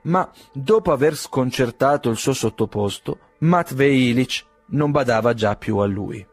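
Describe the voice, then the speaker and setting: A man narrating a classic novel in a measured, gently ironic audiobook reading. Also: medium pitch, husky, dry recording, soft background music.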